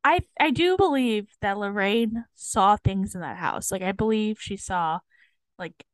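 A woman's voice: mid-range voice, a little slow, no echo. Young woman co-host, loose chatty delivery, dry close sound. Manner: casual, swears, lots of fillers. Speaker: podcast co-host. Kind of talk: casual chat.

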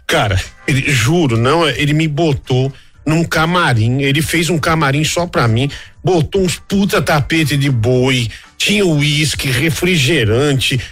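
A man from Brazil telling a story casually on the radio, acting out other people's lines with big jumps in pitch. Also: a little slow. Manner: animated, acts out quoted voices with big jumps in pitch. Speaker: radio reporter.

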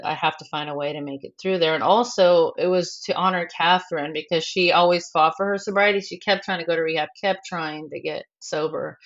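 A middle-aged bereaved mother speaking frankly in an interview, halting with lots of fillers. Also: low voice, dull audio. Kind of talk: candid personal interview.

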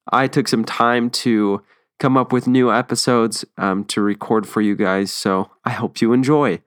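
A man's voice: lowish voice, a bit bright, dry recording. A young man talking earnestly and casually as the host of a solo podcast, chatty with frequent ums and restarts, close to the mic. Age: young adult.

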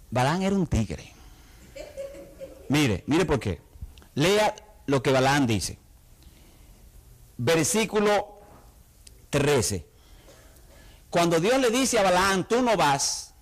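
A male pastor, preaching a humorous, animated sermon in church and throwing rhetorical questions at the congregation. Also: sits high.

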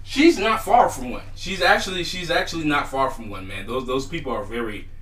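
A man's voice: medium pitch, fairly quick, a bit bright, roomy sound, recorded from a distance, poor audio. A man hosting a casual chat podcast, talking in a laid-back, rambling way and laughing often. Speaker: podcast host.

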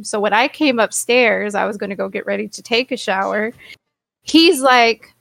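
Brief: woman podcast co-host, a touch high-pitched, dry close sound, lively foul-mouthed storyteller. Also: vocal fry, dry recording. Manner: animated, swears freely, acts out quotes. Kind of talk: casual storytelling chat.

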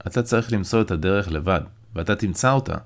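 A man's voice: deep voice, expressive. A man voicing a curious, encouraging male friend who teases and laughs easily, in an audiobook. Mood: reassuring. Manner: encouraging, teasing, quick to laugh. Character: warm, curious, joking adult male friend. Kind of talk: audiobook character voice.

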